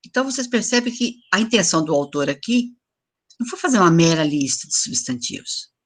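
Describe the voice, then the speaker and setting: Older woman lecturing, husky voice. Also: fairly low pitch, animated, brisk. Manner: explanatory, asks for the next slide. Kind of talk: online lecture to teachers. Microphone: video call.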